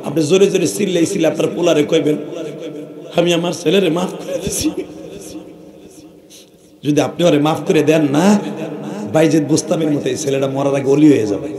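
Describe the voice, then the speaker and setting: Hoarse high-pitched preacher pleading loudly. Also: male voice. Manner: pleading, commanding the crowd, near shouting. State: hoarse, strained voice. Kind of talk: emotional open-air sermon. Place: outdoor religious gathering under a tent. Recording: echoey loudspeaker sound with crowd. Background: crowd noise.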